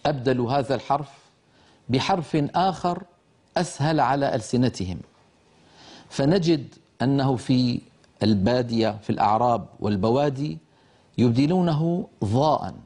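A man's voice: mid-range voice, expressive, normal speed, long pauses, a little mellow. An older man teaching Quran recitation, patiently explaining letter sounds and demonstrating how they are pronounced. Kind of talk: lecture on pronunciation.

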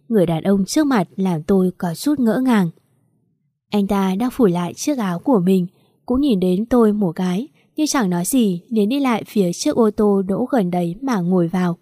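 A woman narrates a first-person story in a steady, earnest reading voice. Her tone is warm and mellow, and the recording is dry and close. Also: mid-range voice, no echo.

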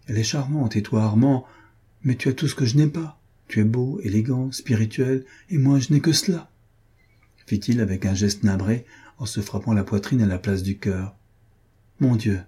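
A man's voice: medium pitch, dark tone, slightly rough, lightly acted. A man acting an anguished jealous husband. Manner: emotional, pleading, exclamatory. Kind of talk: audiobook character reading.

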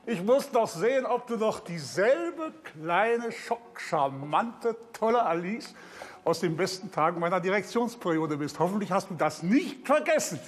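A bombastic old theatre director. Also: male voice, high-pitched, big pitch swings, a little slow. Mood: pompous. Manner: theatrical, grandiloquent, given to shouting. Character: bombastic aging former theatre director, man. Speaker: stage actor. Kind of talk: stage acting. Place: theatre stage. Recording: echoey theatre stage.

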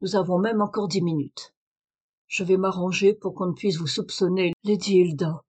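A woman reader voicing a calm, authoritative male detective in a French audiobook, measured and firm. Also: lowish voice, breathy edge. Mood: brisk commanding. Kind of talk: audiobook reading of a detective story.

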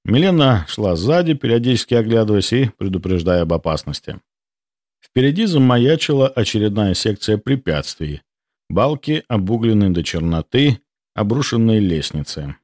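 A man reading first-person audiobook narration in an expressive storytelling manner, recorded on a close studio mic. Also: lowish voice, moderate pace, dry recording.

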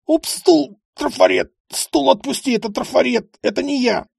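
A man's voice: animated, moderate pace, gravelly, breathy edge, no room sound, clean studio sound, heavily acted. Man voicing a shrieking cornered bandit. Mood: panicked. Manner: shrill, yelling and begging. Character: panicked burly male bandit, cornered and pleading.

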